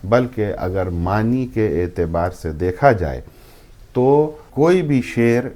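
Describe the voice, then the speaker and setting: Low-voiced guy hosting, slow and thoughtful, lots of um and ah. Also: expressive, dark tone. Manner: measured, hesitant with many fillers. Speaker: host. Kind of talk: interview.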